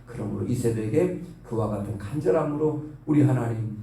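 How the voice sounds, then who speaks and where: A man's voice: medium pitch, normal speed, vocal fry, warm tone, far from the mic, a little hiss or hum. A male pastor preaching a fervent dawn sermon in a church sanctuary, urging the congregation to pray. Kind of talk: dawn prayer service sermon. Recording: very echoey hall, voice from afar.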